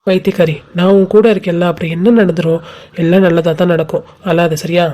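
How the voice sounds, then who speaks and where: A gentle young man in a cartoon put on by a performer speaks low and quick. His tone is soft and reassuring. The voice is mellow and dark. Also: level tone, close to an everyday voice. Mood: tender. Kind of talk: dramatic cartoon dialogue.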